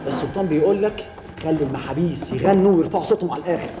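Actor playing flustered young prince, talks super fast, roomy echo. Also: male voice, fairly high pitch, lightly acted. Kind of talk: TV drama acting.

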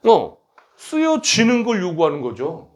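A middle-aged man directing his academy and teaching a grammar lecture, brisk and blunt, teasing his students and tagging on quick questions. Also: sits high, wildly swooping pitch.

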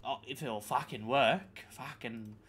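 A man streaming a video game live, chatting excitably and profanely with his viewers and friends. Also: medium pitch, measured pace, a little hiss or hum. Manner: excitable, profane, bantering with chat. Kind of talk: casual live-stream chat while gaming.

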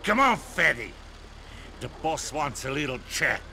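An actor playing a mocking, brutish mob thug in a video game cutscene. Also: male voice, fairly high pitch, very animated, measured pace, gravelly, slight background noise, heavily acted. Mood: menacing. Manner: mocking and menacing, bursts into shouts.

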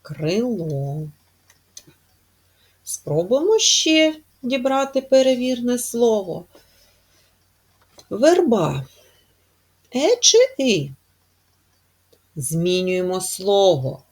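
A woman teacher giving a spelling lesson to young children, speaking slowly and emphatically and stretching stressed syllables. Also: a little high, expressive.

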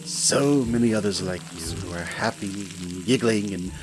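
This low-quality recording of a hobby audio play features a man with a natural, low-sitting voice at a moderate pace, playing a smug male hyena mad scientist. Over background music, the gloating villain narrates to the listener, silky, condescending and theatrical, chuckling often.

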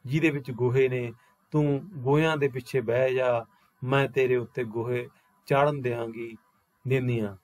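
A man's voice: mid-range voice, steady tone, normal speed, darkish tone, no echo, close to an everyday voice. A man reading aloud the part of an anxious, earnest village housewife. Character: worried village housewife, middle-aged woman.

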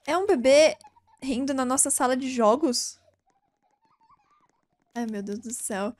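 A young woman doing casual let's-play commentary, laughing nervously and shouting when startled. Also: high voice, unhurried. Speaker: gaming streamer.

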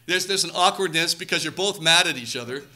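A man in his thirties preaching a sermon through personal stories, animated and acting out quoted voices. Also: a little high, fast talker. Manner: animated, acts out quoted voices, shouts for effect. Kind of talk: storytelling sermon.

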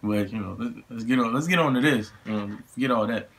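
A man's voice: medium pitch, a little fast, very noisy. Young male reaction host, loose slangy chatter, lots of fillers. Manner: rambling and slangy, with frequent fillers and restarts. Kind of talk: casual trailer reaction chat.

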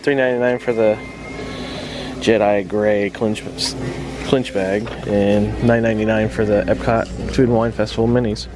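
A man's voice: on the low side, level tone, normal speed, background noise. A man vlogging while walking through a merchandise store, chatting casually and rattling off one price after another. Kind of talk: casual shopping chat. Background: store music.

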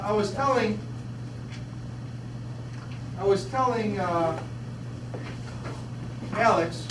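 A man teaching physics to a class, asking lots of questions and repeating words as he demonstrates. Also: sits high. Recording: echoey classroom, distant mic, background noise.

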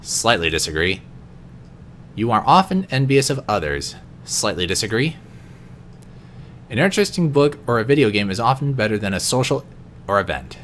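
A man reading personality quiz questions aloud in an unscripted vlog, answering each one in a quieter, lower voice with the odd stumble. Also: sing-song, normal speed, pauses often, a little hiss or hum. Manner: occasional stumbles and restarts. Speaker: vlogger.

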